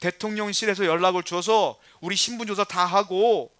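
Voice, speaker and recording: A man's voice: sits high, steady tone, normal speed, fairly bright tone, no echo. A male pastor preaching a sermon with emphatic rhetorical questions to the congregation, shifting between polite address and blunt plain talk.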